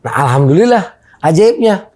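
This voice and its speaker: Middle-aged man, dark voice. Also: high-pitched, brisk. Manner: animated, re-enacts dialogue in his story. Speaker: guest storyteller. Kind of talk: casual spoken anecdote.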